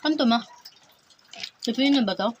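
A woman's voice: on the high side, moderate pace, slight background noise. A Filipino female companion chatting casually on a vlog. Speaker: companion joining the mukbang. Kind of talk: casual chat.

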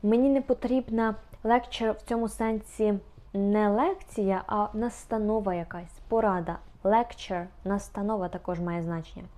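A young woman teaching English phrases, explaining slowly and carefully, often repeating examples with small hesitations. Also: medium pitch, fairly even intonation, dark tone.

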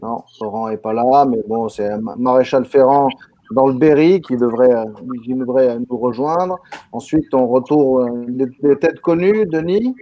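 A man moderating a video meeting, briskly calling on each participant by name. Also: mid-range voice, lo-fi sound. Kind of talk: casual introductions on a video call.

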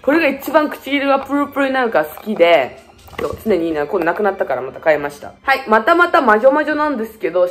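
A young woman with a chats quickly through a shopping haul and jumps between playful tangents and jokes at her own expense. Her pitch swings up and down a lot as she talks. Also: a little hiss or hum. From Fukuoka, Japan. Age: 20s. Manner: joking, self-mocking, playful tangents. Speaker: beauty vlogger. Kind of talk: casual shopping haul vlog.

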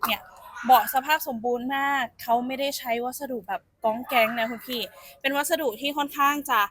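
A woman's voice: on the high side, steady tone, brisk, fairly bright tone, dry recording. A young woman giving a chatty used-car sales walkaround, talking familiarly to viewers, apparently recorded outdoors at a car lot. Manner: chatty, addresses viewers as elder sibling.

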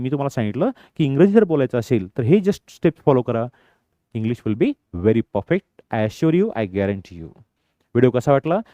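Lively man teaching English. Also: medium pitch, no echo. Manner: lively, mixes English phrases into Marathi. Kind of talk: spoken English lesson.

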